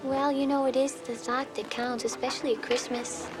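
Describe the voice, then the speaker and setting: An actress playing a kind, helpful woman working as a shop clerk, speaking gently and naturally in a screen drama. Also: high-pitched, little pitch movement, moderate pace, loud music behind the voice, lightly acted. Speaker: shop assistant.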